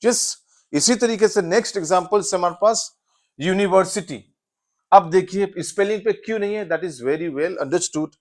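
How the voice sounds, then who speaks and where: A man's voice: high voice, normal speed. A man teaching an English grammar lesson, switching between Hindi and English, spelling words out letter by letter and answering his own questions. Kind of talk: classroom-style grammar lesson.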